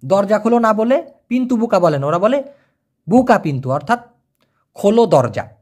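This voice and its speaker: Lively teacher repeating each new word. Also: medium pitch, breathy edge. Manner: repeats each word and checks with quick questions. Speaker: Malay language teacher. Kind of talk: vocabulary lesson explained over pictures.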